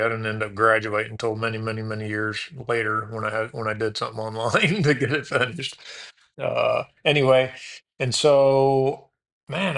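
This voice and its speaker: Gravelly, rambling middle-aged man. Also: mid-range voice, a bit bright. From Houston, USA. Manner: rambling, self-correcting, folksy "man" and "dude". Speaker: podcast host. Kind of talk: casual storytelling interview answers.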